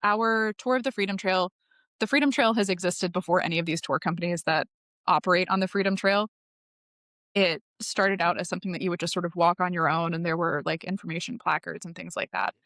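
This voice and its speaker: A woman's voice: on the low side, fairly even intonation, fairly quick, fairly bright tone, no echo, studio quality. A woman guest on a podcast, explaining her tour company in long, enthusiastic, informative answers. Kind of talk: podcast interview.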